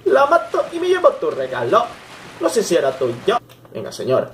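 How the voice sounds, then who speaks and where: A young man gives excitable Let's Play commentary, swearing and yelping at the game. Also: high-pitched, normal speed, a little hiss or hum. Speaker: gaming YouTuber.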